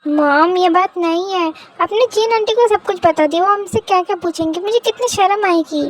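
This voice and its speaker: A woman's voice: very high-pitched, steady tone, normal speed, rough recording. A woman voicing a shy, embarrassed young woman who keeps pleading with her elders in a fan-fiction voice story. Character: shy, flustered young woman, a new bride-to-be.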